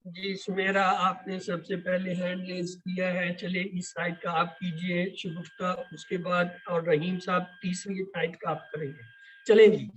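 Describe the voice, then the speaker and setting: A man's voice: sits high, flat delivery, slight background noise, low-quality recording. A man teaching an online Quran class, explaining words and asking the class questions. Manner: explains and asks questions, repeats key words.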